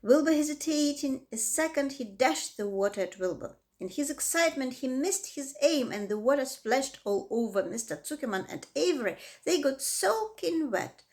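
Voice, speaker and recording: A woman reading a children's book aloud with expressive, dramatic emphasis. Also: high-pitched, moderate pace, few pauses. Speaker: reader. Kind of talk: storybook read-aloud.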